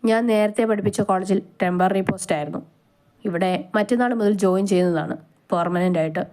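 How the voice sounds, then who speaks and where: A woman's voice: medium pitch, quick pace, a little mellow, natural voice. A woman voicing a curt, irritable young male lecturer in a storybook reading. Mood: irritated. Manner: curt, scolding.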